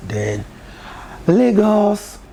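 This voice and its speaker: A Nigerian man with a Nigerian English accent, a gospel artist telling lively stories as a talk-show guest, often laughing and repeating words. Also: sits high, very slow, vocal fry, a little hiss or hum. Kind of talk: casual talk show conversation. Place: television studio.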